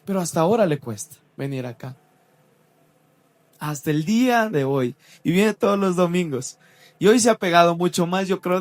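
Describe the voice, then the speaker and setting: A man, co-hosting a church podcast and telling a personal testimony in a casual, animated way. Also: high voice. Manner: animated, acts out quoted voices.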